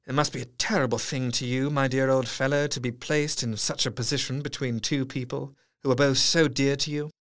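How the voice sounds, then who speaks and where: An actor playing an earnest young doctor, reading letters and diary entries in a measured way. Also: male voice, mid-range voice, steady tone, fairly bright tone, close to an everyday voice.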